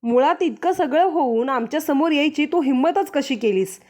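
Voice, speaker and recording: A woman voicing an angry young daughter-in-law who accuses and pleads in a high voice, while retelling a TV serial episode. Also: expressive, moderate pace, a little mellow.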